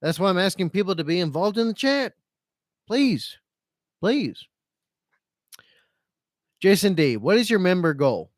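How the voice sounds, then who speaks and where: A man's voice: high voice, animated, fast, few pauses, no echo, clean studio sound. A man hosting a casual live stream, reading out chat comments and rambling repetitively in a self-pitying, resigned, sweary way. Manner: rambling and repetitive, circling back over phrases.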